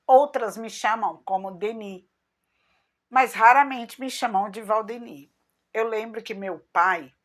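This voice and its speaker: A middle-aged woman with a Brazilian accent telling personal stories to her followers in an unhurried, chatty way. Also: medium pitch. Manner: unhurried, chatty, acts out remembered dialogue. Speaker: vlogger.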